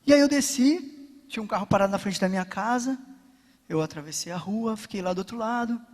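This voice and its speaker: High-voiced man sharing a church testimony. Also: a little fast. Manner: earnest storytelling, quietly intimate at first, then building with fervor. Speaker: church member giving a testimony. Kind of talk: personal testimony in a church service. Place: church sanctuary. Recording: echoey church hall.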